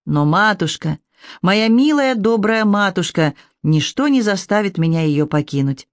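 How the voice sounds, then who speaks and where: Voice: medium pitch, animated, unhurried, dry recording, studio quality. An audiobook reader voicing an earnest young woman speaking with fervent feeling. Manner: fervent, heartfelt.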